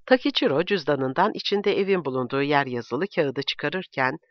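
A man narrating a literary novel in a steady, measured reading voice. His voice sits a little high for a man. The recording is dry, close and somewhat muffled. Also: no room sound. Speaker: audiobook reader. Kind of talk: scripted narration.

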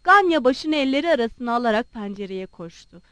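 High-voiced woman narrating a novel. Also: lively intonation, a little fast, pushed and bright, clean tone, dry recording. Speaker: audiobook narrator. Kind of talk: scripted literary narration.

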